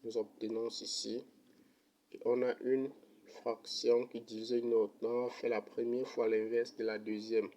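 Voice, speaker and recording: A man's voice: mid-range voice, slight background noise. A man explaining an economics derivation step by step in a methodical lesson, ending with thanks and a sign-off. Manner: slow, methodical, even delivery. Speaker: economics teacher.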